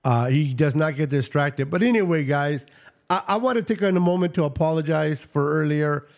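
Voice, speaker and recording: A man's voice: fairly high pitch, moderate pace. A man hosting a casual sports podcast, teasing his co-hosts and tossing in Spanish slang while he wraps up the show. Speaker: podcast host.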